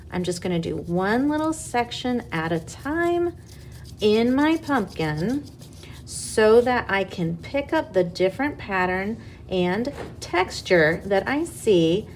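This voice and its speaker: A woman art teacher giving young children a craft lesson in a bright, upbeat kids' presenter manner, explaining step by step and checking in with simple questions. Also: on the high side, a little hiss or hum. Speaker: elementary school art teacher. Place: indoors in school stairwell and hallway.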